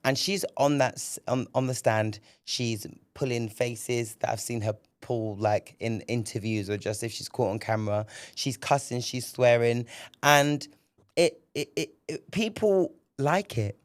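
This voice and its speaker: Man, podcast host, casual commentary, candid, swears freely, mid-pitched, dry close sound. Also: a little slow, no room sound. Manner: candid, animated, swears freely, repeats words when excited.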